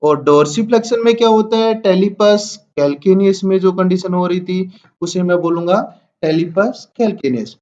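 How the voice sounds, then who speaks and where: A man with a fairly high voice gives a slide lecture to nursing exam students. He recaps every point and answers his own questions. The recording sounds a little dull and lo-fi. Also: moderate pace, a little mellow.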